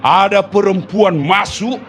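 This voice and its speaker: A man voicing an old male jinn who guards a well, complaining loudly about a nagging woman. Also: high voice, slow pace, a little hiss or hum. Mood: aggrieved.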